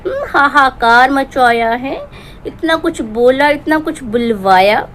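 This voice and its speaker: A woman doing a jealous, scheming vlogger who rambles in a high, sarcastic voice and slips into fake tears. The comic parody monologue has a faint hiss of noise behind it. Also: very animated, takes it slowly, a bit bright, exaggerated voice. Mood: fake tearful. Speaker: parody performer.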